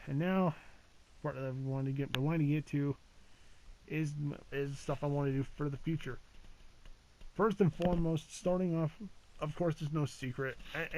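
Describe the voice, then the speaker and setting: A man's voice: mid-range voice, a little mellow, poor audio. A man giving a casual channel update as a gaming YouTuber, rambling and hesitant with many fillers, restarts and casual swearing.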